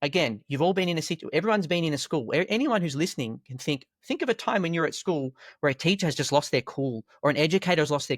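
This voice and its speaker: A man who teaches school and martial arts, explaining classroom discipline in a calm, storytelling way with rhetorical questions. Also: on the high side, no room sound, studio quality. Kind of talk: conversational podcast explanation.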